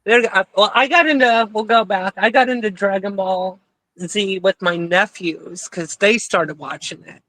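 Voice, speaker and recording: A woman's voice: mid-range voice, measured pace, fairly bright tone. A woman co-hosting a podcast, chatting casually with rambling asides and easy laughs. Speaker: podcast co-host. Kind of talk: casual group chat.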